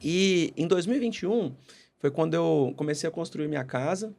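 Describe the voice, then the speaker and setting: A man's voice: on the high side, normal speed, gravelly, darkish tone. A man from Brazil, a guest on a casual podcast, telling his story earnestly and peppering it with "cara" and "né". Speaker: podcast guest, consórcio entrepreneur.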